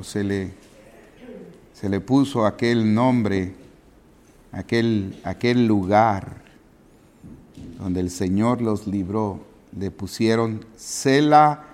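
In church, a pastor with a lowish, slightly mellow voice delivers a sermon in a chatty, teasing style, pausing to quiz the congregation with asides.

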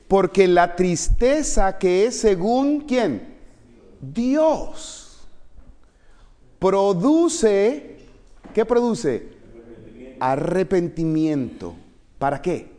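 Lively preaching pastor, man, in a hall. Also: high-pitched, drawn-out words, long pauses. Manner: preaching with rhetorical questions, swinging from loud emphasis to quiet. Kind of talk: sermon.

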